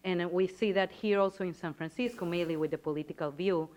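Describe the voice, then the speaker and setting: A woman from Venezuela, speaking from the audience in a lowish, steady, slightly mellow voice at a brisk pace, earnestly builds up a long question to the panel step by step.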